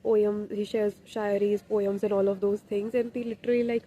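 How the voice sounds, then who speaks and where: A woman's voice: mid-range voice, flat delivery, normal speed, warm tone, muffled recording, slight background noise. A young woman with an Indian accent chatting casually in a vlog, switching between English and Hindi, recorded on a phone held at arm's length outdoors. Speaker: vlogger. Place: walking outdoors and on a rooftop terrace.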